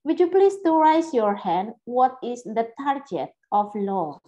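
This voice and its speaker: Woman law lecturer, fairly high voice, repeats questions, calls on students. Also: very animated, measured pace, warm tone, dull audio. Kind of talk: interactive lecture.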